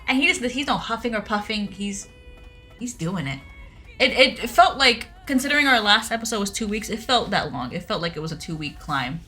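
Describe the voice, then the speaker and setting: A young woman co-hosts a podcast in a casual, friendly chat, reading out listener email and contact details. Her mid-range voice has a sharp tone, and she talks fairly quickly and very animatedly over faint background music.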